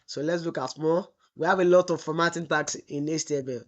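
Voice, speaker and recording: A man teaches web development in a screen-recorded tutorial, asking the class rhetorical "what?" questions, answering them himself, and drawling out example text as he types. His voice is on the high side and steady, a little fast, and the recording is muffled.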